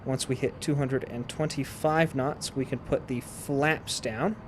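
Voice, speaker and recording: A man with a mid-pitched voice walks through a flight sim procedure as he plays. He explains each step casually, in the way of a tutorial. Aircraft simulator noise sits faintly to clearly behind his voice. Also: steady tone, a little slow. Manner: explains step by step while playing. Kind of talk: casual instructional gameplay commentary.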